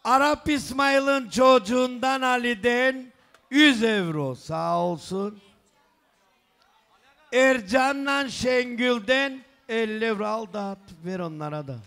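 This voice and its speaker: A man working as a wedding announcer, booming out gifts and sums in drawn-out calls and bantering with guests. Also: lively intonation, fairly bright tone, clear, resonant tone. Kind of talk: loud festive announcement of gifts, counting sums aloud. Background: celebration music.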